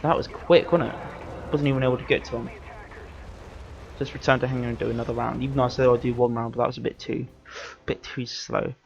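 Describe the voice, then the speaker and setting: A man chats through his gameplay in a loose, easygoing way, often stopping to correct himself. His mic sounds dull and lo-fi. Engine and game sounds run clearly underneath him. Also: mid-range voice, flat delivery, fast talker, pauses often. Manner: rambling, self-correcting, easygoing. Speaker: gameplay commentator. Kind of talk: casual live gameplay commentary. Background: game engine and vehicle noise.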